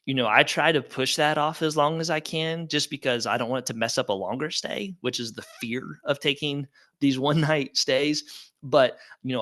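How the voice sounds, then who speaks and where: Upbeat casual man with a bright voice. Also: mid-range voice. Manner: casual, upbeat, conversational with fillers. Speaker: webinar presenter. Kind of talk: live webinar with audience Q&A.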